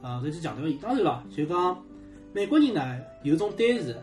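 A man, a guest English teacher, explaining slowly and hesitantly. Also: a little high, big pitch swings, a little mellow, soft background music. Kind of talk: casual chat.

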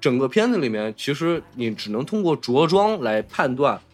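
This podcast host, a man with a Mainland Chinese Mandarin accent, talks at medium pitch and normal speed, very animated, over soft background music. He leads a casual film discussion, explaining his points and rephrasing them as he goes.

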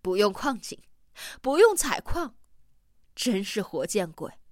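A woman's voice: medium pitch, big pitch swings, slow pace, dry recording, studio quality. A woman reading an audiobook, voicing an eager male geologist who talks in a confident, gleeful way.

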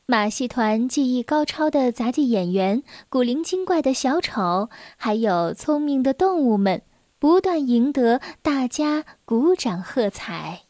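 With a high-pitched voice and measured pace, a woman reads a story for children in a soft, expressive way, now and then addressing the young listeners directly. The studio recording is clean, with no room sound.

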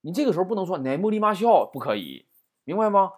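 A man's voice: sits high, sing-song, fast, a little mellow. A man teaching a vocabulary lesson in a chatty way, often asking "right?". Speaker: Japanese language teacher.

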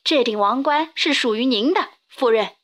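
A woman voicing a boastful, stubborn male elephant in a storybook, shrill and shouting. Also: moderate pace. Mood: proud.

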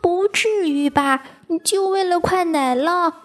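A woman's voice: very high-pitched, slow pace, fairly bright tone, soft background music, pitched above the performer's own voice, exaggerated voice. Woman doing a greedy little chick with a full mouth. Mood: sheepish.

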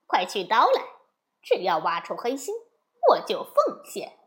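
Bold, clever monkey hero for a storybook, voiced by a woman; brisk and sure. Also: mid-range voice, huge pitch swings, a bit bright. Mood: confident. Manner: brisk, confident and quick-witted. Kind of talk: children's storybook voice acting.

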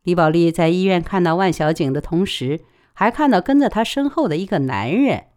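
A woman narrating an audiobook episode in an expressive, dramatic reading style. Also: on the low side, a little fast. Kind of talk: audiobook storytelling.

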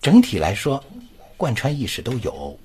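Over an online voice chat, a man teaches recitation, reading lines aloud as examples and explaining where the stresses fall. His slightly mellow voice moves at a normal speed and demonstrates the lines with huge pitch swings.

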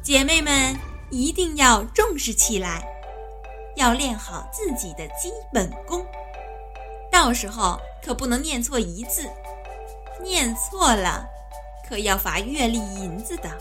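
Woman doing a sly coaxing consort, slow, bouncy pitch, music behind. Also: sing-song. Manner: knowing, coaxing. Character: shrewd, easygoing imperial consort, woman. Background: background music.

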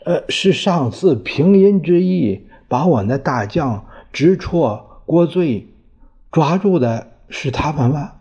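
A man's voice: fairly high pitch, animated, takes it slowly, dark tone, breathy edge, voice pushed up, exaggerated voice. A man playing a jovial, commanding old-time duke. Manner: hearty, laughing, coaxing. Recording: dull lo-fi recording.

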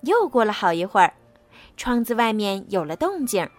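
A woman narrating a children's story in an expressive storybook manner. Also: medium pitch, normal speed, dry recording. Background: soft background music.

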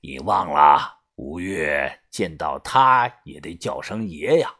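A weary older gang boss growls low and slow, his husky voice hushed and deliberate, every word weighed, as a man puts him on in a storybook reading. The voice dips deep, then lifts in sudden swings. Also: very animated, exaggerated voice. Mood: exasperated.

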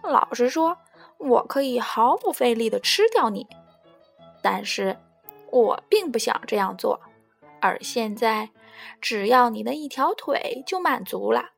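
A woman's voice: fairly high pitch, lively intonation, measured pace, gravelly, breathy edge, faint music behind, heavily acted. A woman voicing a sly old male crocodile in a storybook, pleading with false kindness. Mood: wheedling. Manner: wheedling, falsely kind. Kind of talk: storybook character voice.

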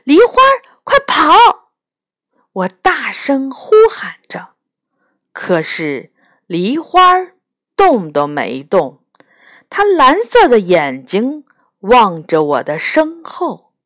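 A woman reads a children's story aloud in the first person, with an expressive manner. Her voice moves a great deal in pitch and she keeps a slow, careful pace. The sound is close and dry. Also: no echo.

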